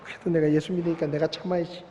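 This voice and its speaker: Animated high-voiced Gyeongsang pastor. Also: male voice, quick pace, lo-fi sound, a little hiss or hum. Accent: Gyeongsang Korean. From Gyeongsang province, South Korea. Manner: animated storytelling, acting out voices. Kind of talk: sermon. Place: church sanctuary. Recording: long church hall reverb.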